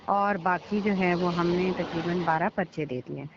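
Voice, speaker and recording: A woman district food controller heard over a phone line, answering a reporter in short replies and often saying "ji". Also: on the low side. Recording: muffled phone line with faint noise.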